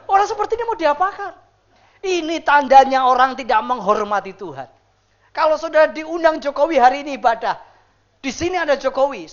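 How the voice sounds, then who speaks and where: A male pastor preaching a lively sermon to a church congregation, acting out the people he describes. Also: lo-fi sound. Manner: animated, acts out quoted people with big pitch swings. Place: church service.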